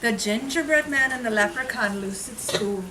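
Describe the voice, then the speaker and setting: A woman reading aloud to young children at an elementary school sounds fairly high, pushed and bright, speaking at normal speed. She explains through simple, repeated phrases with dramatic emphasis, caught on a distant mic in a noisy room.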